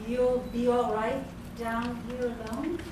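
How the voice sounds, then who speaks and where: A woman playing a polite, uneasy asylum doctor, hesitant and deliberate, in a live radio play. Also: on the high side, flat delivery. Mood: doubtful. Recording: echoey hall from far off, noisy.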